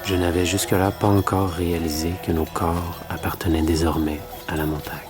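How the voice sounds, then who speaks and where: An actor narrating as a young shepherd reflecting on mountain life, in calm literary voice-over. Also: male voice, deep voice, fairly quick, natural voice. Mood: reflective. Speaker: film narrator. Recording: voice-over with loud music behind.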